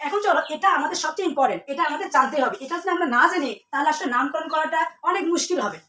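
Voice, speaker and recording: A woman's voice: sits high, animated, racing, sharp tone, slight background noise. A woman teaching a chemistry lesson to students, asking questions and then answering them herself, repeating the key terms. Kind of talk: classroom lesson. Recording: echoey room, mic at a distance.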